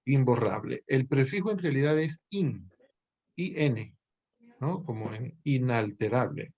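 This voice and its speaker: A male language professor explaining grammar to his students, patient and thinking aloud, with pauses and self-corrections. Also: medium pitch, expressive, darkish tone, breathy edge.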